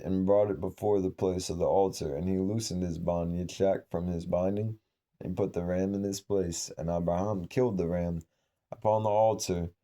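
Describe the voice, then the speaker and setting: Solemn male scripture reader, low pitch, very mellow dark tone, measured pace with small slips. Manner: measured, solemn reading with occasional slips and restarts. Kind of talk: reading aloud from an old scripture.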